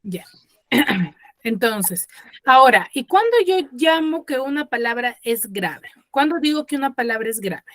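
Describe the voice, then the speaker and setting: A woman teacher giving an online class, quizzing her students and slowing down to stress key words. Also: a little high, expressive, fairly bright tone, dry recording. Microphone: computer mic on a video call.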